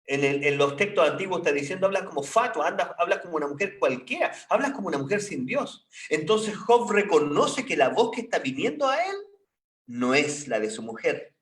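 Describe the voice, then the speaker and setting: A man's voice: on the high side, sing-song, a little fast, fairly bright tone, echoey room, distant mic. A man preaching a sermon in a conversational way, often asking his listeners questions.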